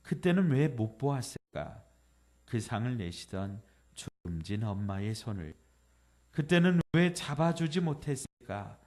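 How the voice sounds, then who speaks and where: A male pastor giving a Sunday sermon, reading a poem and a letter aloud gently and slowing down on the tender lines. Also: medium pitch. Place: church sanctuary.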